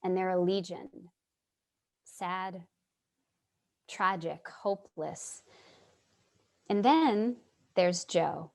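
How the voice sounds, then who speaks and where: For a staged play reading held over a video call at home, a woman gives a dramatic monologue as a slow, reflective, middle-aged New Yorker: a casually dressed, compassionate narrator born and raised in Manhattan. She uses a full character voice that is lowish, creaky and darkish, with a measured, storytelling delivery and a somber, reflective feel.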